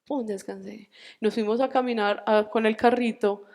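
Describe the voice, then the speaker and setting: A woman in her forties with a Colombian accent, telling a personal faith testimony at a church retreat, animated and acting out the dialogue. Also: fairly high pitch, moderate pace, big-room sound. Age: 40s.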